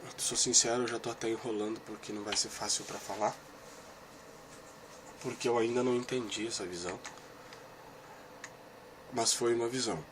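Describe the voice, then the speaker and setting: A man's voice: mid-range voice, steady tone, normal speed, pauses often, background noise. Earnest man recounting a vision. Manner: earnest and emotional, with repeated phrases; talks straight to one listener. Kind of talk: personal religious testimony recounting a vision.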